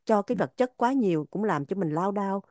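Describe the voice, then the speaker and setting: A woman's voice: medium pitch, animated, fairly quick, darkish tone, dry recording, studio quality. A woman explaining religious poems in an earnest spiritual talk, repeating phrases for emphasis. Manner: earnest, repetitive, stressing words.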